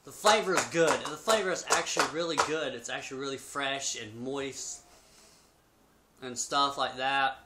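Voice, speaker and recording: A man's voice: medium pitch, moderate pace. A man in his twenties giving a blunt, sweary, casual review to camera in a living room, talking with a lip full of dip. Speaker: product reviewer. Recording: noisy home webcam recording.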